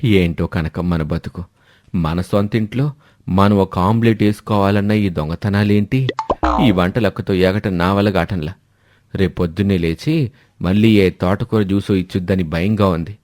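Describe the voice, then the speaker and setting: Brief: whiny older father-in-law, a man voices him, low and fretful, storybook animation. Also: normal speed, darkish tone, lightly acted. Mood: grumbling. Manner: whiny complaining, fearful asides. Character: hungry grumbling old father-in-law.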